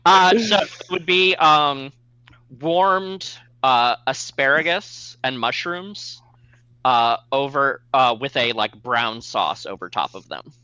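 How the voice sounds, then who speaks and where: A man's voice: mid-range voice, animated, takes it slowly, sharp tone, clear, resonant tone, dry recording, highs cut off. A man playing a tabletop game, chatting casually and jokily as he says what his character does. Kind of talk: casual, jokey game chat.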